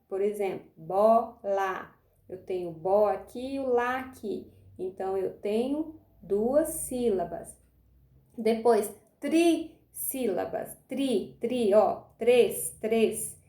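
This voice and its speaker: Slow, patient teacher woman. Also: high-pitched, mellow, echoey room. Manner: patient, drawn-out words, often asks "tá bom?". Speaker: primary school teacher. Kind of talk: recorded remote lesson.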